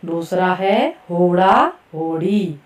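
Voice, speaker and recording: Woman teacher, slow careful pronunciation drill, lowish voice, echoey room, far from mic. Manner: slow and careful, repeats words for students to echo. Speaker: Hindi teacher. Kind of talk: classroom lesson, pronunciation drill.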